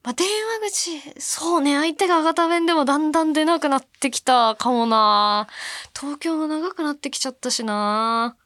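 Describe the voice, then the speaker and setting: Radio host, woman, from Fukuoka: chatty and reflective, a little high-voiced, dry close-mic sound. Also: moderate pace, dry recording. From Fukuoka, Japan. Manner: chatty, musing, soft-spoken asides. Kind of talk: casual radio talk, reading listener mail.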